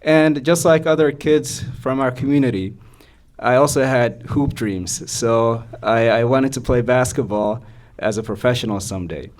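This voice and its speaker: A young man from Somalia, a physician, giving a measured personal talk to an audience with frequent fillers. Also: medium pitch, slight background noise. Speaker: guest speaker, physician.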